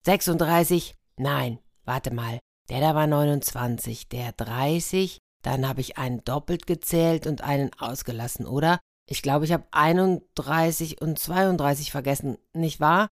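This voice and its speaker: Brief: woman doing a fussy flustered anteater, low voice, storybook. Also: unhurried, few pauses, no room sound, clean studio sound. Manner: flustered, muttering counting. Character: fussy muddled male anteater.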